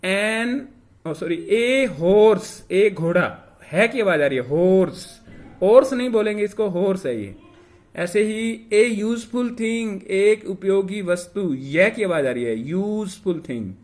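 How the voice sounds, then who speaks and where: Male tutor giving a grammar lesson, unhurried delivery, drills each example word. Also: sits high, lively intonation. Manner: repeats example words slowly and deliberately; mixes English phrases into his explanation. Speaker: English grammar teacher. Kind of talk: classroom lesson explaining grammar rules.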